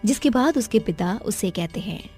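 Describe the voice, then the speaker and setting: A woman narrating a cartoon story in a slow, measured storybook style. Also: medium pitch, expressive, mellow, soft background music.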